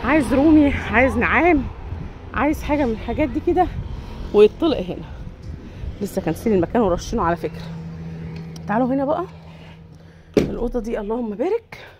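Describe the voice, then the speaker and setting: A chatty Egyptian woman walks viewers through a poultry yard, her fairly high voice rising and falling in lively swings as she rattles along quickly. Faint outdoor ambience sits behind her, with birds and the odd passing car. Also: background noise. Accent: Egyptian Arabic. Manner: chatty, addresses viewers directly while touring. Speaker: vlogger giving a tour. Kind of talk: casual walk-through vlog.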